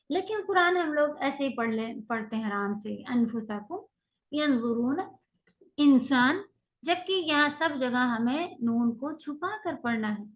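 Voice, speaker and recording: A woman teaching a recitation class, explaining rules patiently and modeling long drawn-out sounds. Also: high voice, lo-fi sound. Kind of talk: online tajweed lecture.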